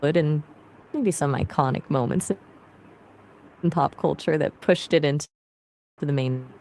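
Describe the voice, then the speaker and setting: A woman's voice as an AI assistant in casual conversational chat, upbeat and chatty with quick, lively replies. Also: sits low, slight background noise.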